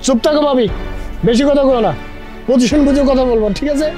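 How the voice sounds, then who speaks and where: A scornful rude younger brother. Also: male voice, very high voice, fairly quick. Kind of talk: TV drama acting. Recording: music under the dialogue.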